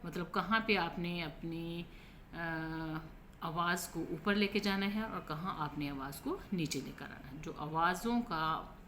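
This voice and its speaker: Woman, Pakistani accent, English teacher, slow careful reading, lowish voice. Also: fairly bright tone, slight background noise. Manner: slowly reads English lines, then explains in Urdu. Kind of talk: explaining a textbook lesson.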